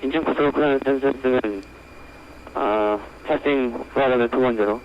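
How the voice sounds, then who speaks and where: A man's voice: mid-range voice, racing. A man speaking as a pilot on the radio, reading back instructions in clipped procedural phrases. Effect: radio transmission. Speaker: airline pilot on an online flight simulation network. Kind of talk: air traffic radio readbacks. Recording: muffled lo-fi radio with faint noise.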